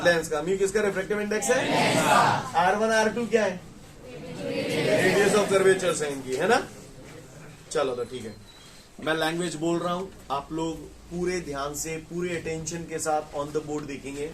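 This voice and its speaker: High-voiced man teaching physics to a class. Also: distant mic, crowd noise, noisy background. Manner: dictates slowly, checks often with "clear?". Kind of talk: classroom lecture.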